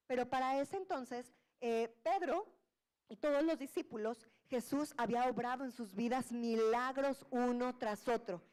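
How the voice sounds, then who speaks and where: A woman preaching a sermon, telling the story in a lively, colloquial and humorous way and acting out the voices of the disciples. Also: on the high side.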